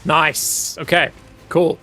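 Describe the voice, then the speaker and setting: Streaming his gameplay with faint music underneath, a Zimbabwean man keeps up easygoing, chatty talk with his chat and laughs a lot. His voice sits fairly high and sounds bright and forceful, with fairly even intonation and a slow pace.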